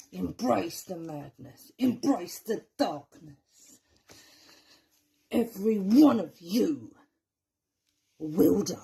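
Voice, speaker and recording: A woman voicing a menacing demoness villain who talks in slow, whispery threats broken by cackling laughs. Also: on the low side, gravelly, dark tone, a little hiss or hum, full character voice. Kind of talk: villain promo.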